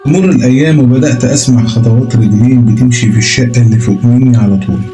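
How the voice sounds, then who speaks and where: Egyptian male horror narrator, quick delivery, low and mellow tone over a soft music bed. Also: poor audio. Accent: Egyptian Arabic.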